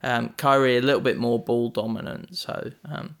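Gravelly-voiced man, joking banter. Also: mid-range voice, fairly even intonation, normal speed, fairly bright tone. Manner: laid-back, joking banter, swears. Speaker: podcast co-host. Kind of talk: casual sports chat.

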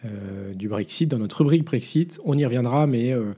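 Male podcast co-host with a mellow, dark voice, chatting loosely about the news and pausing often to search for words. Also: mid-range voice, expressive, husky. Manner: hesitant, many filler sounds. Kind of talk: casual news commentary.

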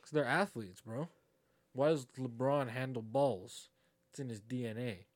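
A man's voice: medium pitch, measured pace. A young adult man co-hosting a casual podcast, making dry offhand remarks. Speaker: podcast co-host. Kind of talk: casual chat.

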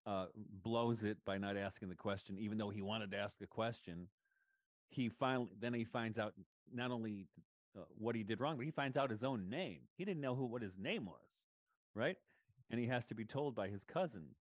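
A man's voice: on the low side, moderate pace, no room sound. A man who teaches college students, talking in a thoughtful, rambling way in a casual conversation and retelling scenes with enthusiasm. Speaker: college lecturer.

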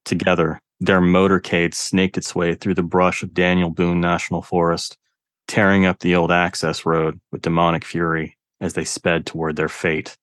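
A man reading a novel aloud as narrator, close to the mic, in a measured, restrained way. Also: deep voice, level tone, a bit bright, dry recording. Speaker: audiobook narrator. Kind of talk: scripted narration of dark fiction.

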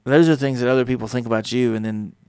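A man's voice: medium pitch, fairly even intonation, fast talker, clean tone, dry recording, studio quality. A middle-aged man hosting a solo podcast, telling a personal story in a rambling, casual way with many fillers and restarts. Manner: rambling, self-correcting, warm storytelling with frequent fillers. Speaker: podcast host.

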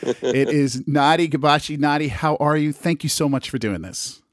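A man hosting a podcast in a casual, rambling and halting way as he introduces an interview. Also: a little high, dry recording, studio quality. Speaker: podcast host.

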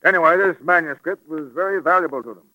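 An actor playing a blunt, stubborn police commissioner in a 1940s radio drama, emphatic and matter-of-fact. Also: male voice, on the high side, fast, sharp tone, no room sound, low-quality recording. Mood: brusque. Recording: dry vintage radio recording.

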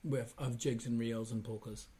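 A man from New York, a musician guest on a talk show, answering in a relaxed, joking way. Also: medium pitch, normal speed, breathy edge. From New York, USA. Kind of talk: casual interview chat.

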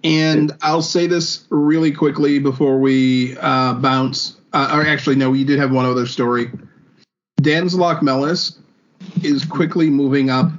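A man's voice: medium pitch, dull audio. A man co-hosting a sports podcast, reeling off numbers with many ums and uhs. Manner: reels off stats with many fillers. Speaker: podcast co-host. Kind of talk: casual sports chat.

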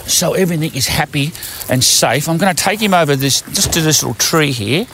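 A man's voice: fairly high pitch, animated, fairly quick, fairly bright tone, a little hiss or hum. A man, a dog trainer explaining his methods in a plain, down-to-earth way while working outdoors. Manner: down-to-earth, storytelling with acted-out quotes.

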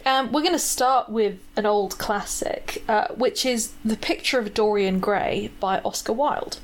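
A woman's voice: medium pitch, measured pace. A woman co-hosting a podcast, chatting casually about books and writing and steering the talk back on track. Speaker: podcast co-host.

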